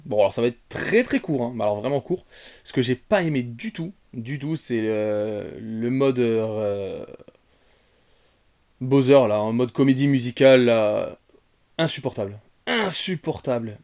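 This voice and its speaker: A man rambles through an unscripted film review, restarting his sentences and padding them with fillers. He speaks directly to his viewers, moving from quiet muttered asides to sudden loud exclamations. His pitch sits right in the middle for a man. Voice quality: bearded. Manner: animated, swings from soft asides to loud outbursts. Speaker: retrogaming YouTuber.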